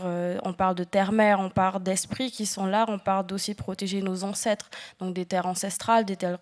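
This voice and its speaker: A woman from French Guiana speaking as a panel guest, earnest and halting with frequent restarts. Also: medium pitch. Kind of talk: panel discussion talk.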